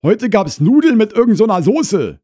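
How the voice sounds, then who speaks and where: A man puts on a shrill woman in her fifties who is easily put out. Her voice sits high and loud, swooping up in indignant bursts. It sounds dry and close, like a comic audiobook. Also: very animated, normal speed, slightly rough, no room sound, exaggerated voice.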